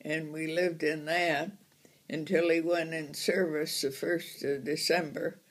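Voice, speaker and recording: A very old woman of ninety-one reminisces casually in a halting, unhurried way, as someone being interviewed. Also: low-pitched, little pitch movement.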